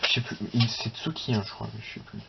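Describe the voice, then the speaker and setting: A young man hosting a manga channel chats casually while browsing a magazine for an unboxing, rambling, self-talking, and lightly swearing. His fairly low voice has vocal fry and a quick pace, recorded slightly dull with steady hiss.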